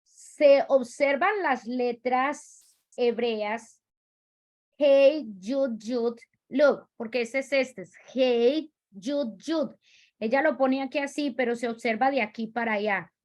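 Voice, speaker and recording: Slow high-voiced woman teaching. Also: a little mellow. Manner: repeats herself, slow and deliberate, explaining step by step. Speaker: religious teacher. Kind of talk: spiritual teaching lesson.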